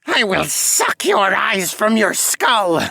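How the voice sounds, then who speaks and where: A woman doing a fanged fiend, hissing, slow and gravelly, bright sharp edge, dry close sound. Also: mid-range voice, sing-song, dry recording, heavily acted. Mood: menacing. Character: hissing fanged male fiend, hungry and malevolent. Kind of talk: audiobook character voice.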